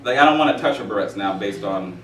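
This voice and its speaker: A man's voice: lowish voice, animated, quick pace, fairly bright tone. Forties guy teaching math, jokey, rambles off on stories, echoey room, mic kinda far. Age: 40s. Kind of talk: classroom lecture. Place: classroom.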